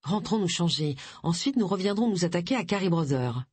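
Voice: mid-range voice, expressive, brisk, a little mellow, slightly rough, no room sound. A reader voicing Agatha, a pushy woman sleuth firing insistent questions in a raised voice. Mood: complaining.

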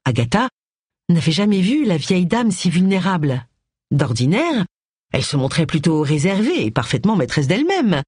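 A woman reads an audiobook with measured, expressive delivery and a voice that rises and falls a great deal. Her tone is breathy, and the recording is dry and close to the mic. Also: fairly low pitch, no room sound. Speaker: audiobook narrator. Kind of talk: scripted audiobook narration.

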